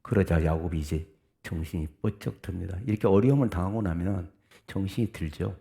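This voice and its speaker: A middle-aged male pastor preaching a sermon, reading scripture aloud with the congregation and breaking into sudden loud outbursts. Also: low voice, fairly quick, vocal fry.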